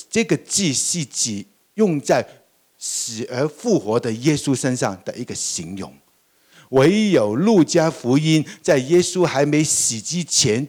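An older pastor with a medium-pitched voice preaches a lively sermon, often asking the congregation questions and laughing.

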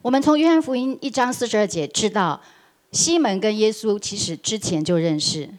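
Woman preacher, sermon with personal testimony, animated storytelling delivery. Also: medium pitch, moderate pace. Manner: animated storytelling, acts out quoted voices.

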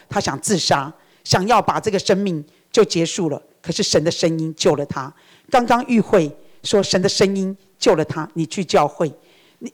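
A middle-aged woman, preaching a sermon. She tells her own story earnestly and acts out the prayers she quotes. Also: fairly low pitch. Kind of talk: sermon with personal testimony.

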